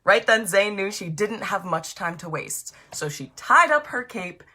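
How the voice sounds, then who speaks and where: A woman reads her own storybook aloud to children, speaking directly to her young listeners in an animated, encouraging way. Her voice is medium-pitched and unhurried.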